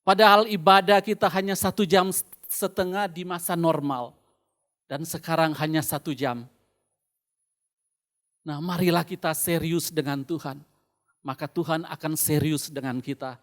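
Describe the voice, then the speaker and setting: An Indonesian man preaching a sermon through a face mask, slightly muffled, deliberate, pausing and repeating phrases for emphasis. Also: on the high side, fairly even intonation, fairly bright tone.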